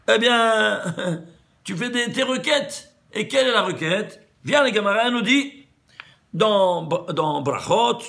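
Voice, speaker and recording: Un rabbin qui donne un cours de Torah sur les valeurs numériques, animé, qui pose ses propres questions et se reprend souvent. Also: male voice, sits high, gravelly. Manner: animated, asks and answers his own questions, stumbles and repeats words. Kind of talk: Torah lesson on gematria.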